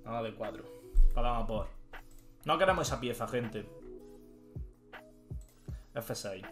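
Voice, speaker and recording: A man, a chess streamer thinking aloud and commenting live as he plays, excitable and prone to shouting outbursts. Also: mid-range voice, a little slow, soft background music. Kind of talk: live commentary while playing online chess.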